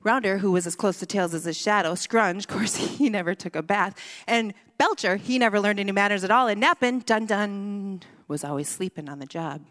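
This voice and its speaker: In an echoey hall, an adult woman who has a son preaches to a women's gathering, opening with a playful story from her childhood before moving on to scripture and prayer. Her mid-range voice is brisk and a bit bright.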